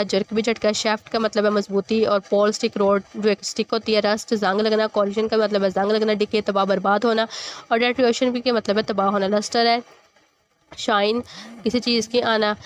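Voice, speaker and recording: A woman teacher explaining a school lesson, reading English lines slowly and then explaining each in Hindi-Urdu. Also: mid-range voice, clear, resonant tone.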